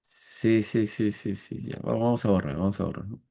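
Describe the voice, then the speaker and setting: Man, teacher, online math lesson, mellow voice, patient, slow step-by-step, checks understanding often, video call. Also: lowish voice, gravelly. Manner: slow, deliberate step-by-step counting.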